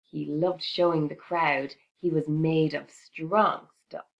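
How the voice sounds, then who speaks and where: Slow gravelly woman reading a storybook. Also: sits low, muffled recording. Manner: expressive, sing-song storytelling. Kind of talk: reading a rhyming picture book aloud to children.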